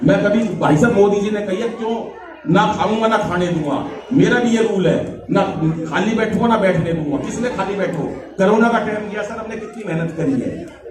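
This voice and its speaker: A man's voice: high voice, normal speed. A man with a Haryanvi accent doing live comic storytelling, chatty and teasing the audience, acting out voices in his jokes. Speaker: stand-up comedy poet. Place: live event hall with audience. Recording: echoey hall from far off, noisy crowd.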